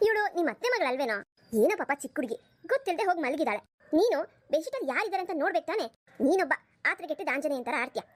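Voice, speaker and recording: Woman doing a brisk cartoon mother-in-law, lower than her other voices, dismissive, fast. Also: sing-song, no echo. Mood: scolding. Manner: scolding, dismissive. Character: indulgent middle-aged mother-in-law. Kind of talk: cartoon voice acting.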